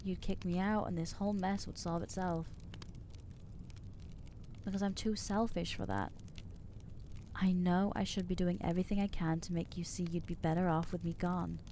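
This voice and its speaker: Voicing an anxious young female vampire in ASMR roleplay, a woman stammers and halts as the guilt-stricken character scolds herself. Her pitch is fairly low and her tone dark, with fairly even intonation, close to an everyday voice. A little hiss or hum is present.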